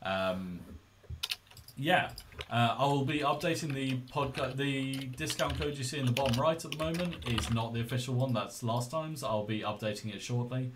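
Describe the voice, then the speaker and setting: A man's voice: medium pitch, moderate pace, noisy background. A man hosting a podcast in casual, informal, rambling style, speaking into a laptop's built-in microphone. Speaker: podcast host.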